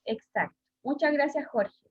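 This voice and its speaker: Chilean woman teacher, high voice, halting with fillers, dull video-call sound. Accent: Chilean Spanish. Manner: hesitant, many fillers, asks pupils questions. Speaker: schoolteacher. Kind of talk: online class lesson.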